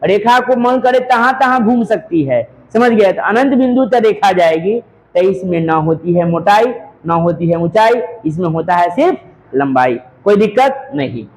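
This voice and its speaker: In a low-quality recording, a man with a high-pitched, lively voice teaches a math class with a flavour. He dictates notes phrase by phrase, slowly repeating each line so students can copy, and poses questions that he answers himself.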